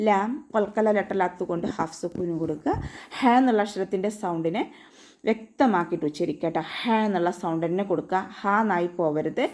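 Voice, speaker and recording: A woman's voice: lowish voice, darkish tone, slight background noise. Patient Malayali woman teaching tajweed. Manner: patient step-by-step instruction with chanted recitation examples. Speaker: Quran recitation teacher. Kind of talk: online tajweed lesson.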